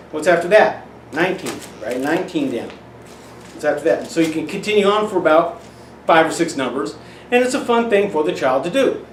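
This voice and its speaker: A middle-aged man giving parents casual, folksy tips on teaching children numbers, often restarting his phrases. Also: fairly high pitch. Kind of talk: casual instructional demonstration. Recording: roomy echo, off-mic, faint hiss.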